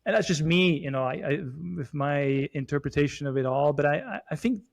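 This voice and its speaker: Speaking as a guest in an easygoing conversation, this man from Switzerland, in his forties, has a voice pitched slightly high for a male. His speech stumbles along with many fillers, restarts and repeated words.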